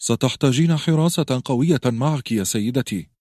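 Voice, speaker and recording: A man's voice: mid-range voice, a little fast, dark tone, no echo, studio quality, voice pushed up, lightly acted. Brief: male narrator voicing a rash, eager young squire type. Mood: earnest. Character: bold young male ward, reckless.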